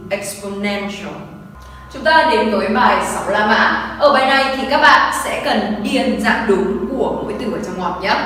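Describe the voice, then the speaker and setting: A woman's voice: fairly high pitch, a bit bright, a little hiss or hum. A woman with a Vietnamese accent teaching English, reading each exam sentence aloud and then explaining or translating it. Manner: reads English text then translates it line by line. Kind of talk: exam walkthrough lesson. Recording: echoey distant room recording.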